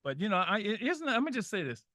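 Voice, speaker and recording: A man's voice: high voice, big pitch swings, fast, bright, forceful tone, no echo, clean studio sound. A man from Saint Louis hosting a radio talk show, chatty, with folksy asides. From Saint Louis, Missouri. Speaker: radio host. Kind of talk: casual interview.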